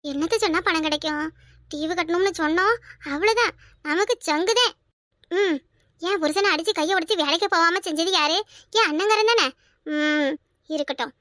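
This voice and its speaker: A woman's voice: very high voice, normal speed, long pauses, sharp tone, no room sound, studio quality. A woman voicing a panicky young cartoon wife who frets aloud over her debts in a wailing monologue. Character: debt-ridden young wife, panicky and scheming. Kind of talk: cartoon voice acting.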